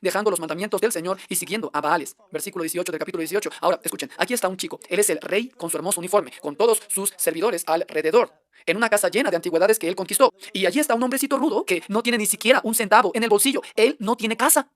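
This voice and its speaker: A man's voice: high-pitched, very fast, a bit bright, no echo. A man preaching a translated sermon, emphatic and firing off one rhetorical question after another.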